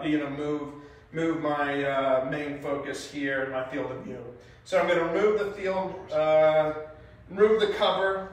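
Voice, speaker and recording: Man, 30s, casual demo presenter, slightly high voice, loose chatty delivery, recorded far off in an echoey small room. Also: fairly bright tone, a little hiss or hum. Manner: chatty, loose, many fillers while moving in VR headset. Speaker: sales presenter demonstrating VR training. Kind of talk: casual product demonstration. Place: small carpeted-floor training room indoors. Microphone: far camera.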